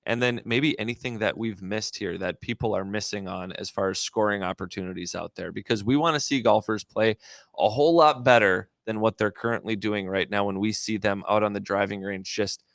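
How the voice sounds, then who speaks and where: Low-voiced chatty golf show co-host. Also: male voice, brisk, vocal fry, fairly bright tone, dry recording, clean studio sound. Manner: chatty, self-correcting, jokes about his own radio DJ voice. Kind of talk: casual chat.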